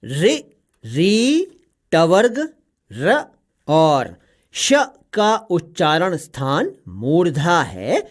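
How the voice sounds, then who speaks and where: A woman voicing a patient old male parrot who teaches pronunciation slowly and carefully in a cartoon story. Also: fairly low pitch, full character voice. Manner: slow, careful, spelling out each sound.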